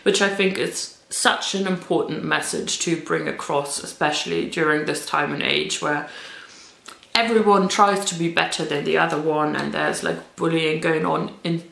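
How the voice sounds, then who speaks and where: A woman's voice: low voice, steady tone, moderate pace, vocal fry, a bit bright. A woman chatting informally in a casual vlog style as she recommends books, with self-deprecating asides. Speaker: children's book reviewer. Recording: roomy, echoey indoor sound.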